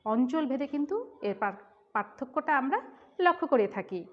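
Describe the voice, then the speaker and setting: A woman teacher from the Khulna region gives a grammar lesson in a fairly high voice. She goes step by step, repeats each point and puts questions to her class. The recording is dull and muffled. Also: expressive, normal speed. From Khulna region of Bangladesh.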